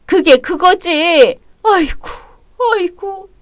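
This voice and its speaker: A woman voicing an older, self-pitying mother-in-law who loudly wails and protests in a radio drama. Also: mid-range voice, animated, a little fast, no room sound, studio quality, natural voice. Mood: wailing. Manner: wailing, loud, exclamatory complaints. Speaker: voice actor. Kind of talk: Korean web radio drama acting.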